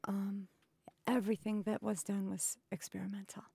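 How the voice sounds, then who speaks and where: A woman in her fifties, a patient advocate, answering interview questions in a slow, halting way with many pauses and fillers. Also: mid-range voice, flat delivery, creaky, mellow, breathy edge, no echo. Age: 50s. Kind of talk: recorded interview. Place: indoors, cultural center.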